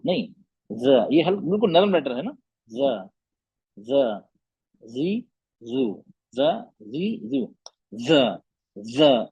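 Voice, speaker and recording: A man teaching recitation who slowly repeats each letter sound and keeps asking his students whether it is clear. His voice is fairly high and a bit husky. The audio is dull and dry, like an online class. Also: no room sound.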